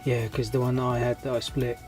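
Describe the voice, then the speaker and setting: A scale model hobby channel host, congested with a cold and losing his voice, rambles casually through a vlog update for his viewers. His medium-pitched voice is flat and quick, full of hesitations and restarted sentences, yet he stays friendly and easygoing. Clear background music runs beneath him.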